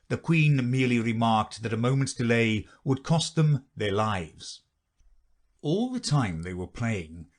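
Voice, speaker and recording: A man narrating a storybook audiobook in an expressive reading. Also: medium pitch.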